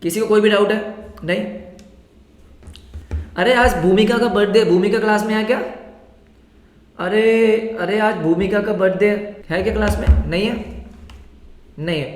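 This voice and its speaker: A man teaching an accounts class live. He repeats phrases often and keeps urging students to answer quickly. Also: high voice, slight background noise. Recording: echoey hall.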